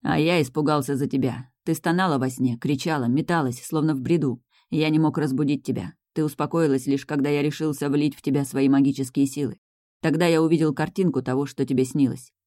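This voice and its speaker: The audiobook narrator voicing Miroslav, a tender and protective young male mage who speaks softly and earnestly to the heroine. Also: mid-range voice, steady tone, fairly quick, no echo, studio quality, natural voice. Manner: soft, earnest and intimate. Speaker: love interest in a fantasy romance audiobook. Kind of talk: scripted audiobook dialogue.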